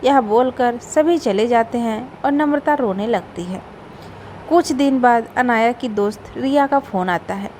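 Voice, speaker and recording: A woman's voice: fairly high pitch, a little slow, a little hiss or hum, poor audio. Woman narrating a family storybook. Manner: steady storybook reading.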